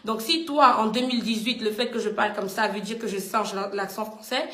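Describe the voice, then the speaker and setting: A woman's voice: mid-range voice, steady tone, a little fast, pushed and bright, roomy sound. A woman with a Cameroonian accent ranting in heated commentary, indignant and combative, often repeating herself. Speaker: vlogger.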